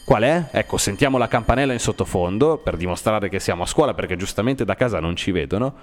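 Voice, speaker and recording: A man's voice: fairly low pitch, animated, quick pace, in a large hall. An adult man hosting a school radio podcast, coaching children with encouraging questions. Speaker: radio host leading a school podcast session. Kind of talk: friendly coaching chat with children. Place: school room set up for recording. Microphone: studio microphone with headphones.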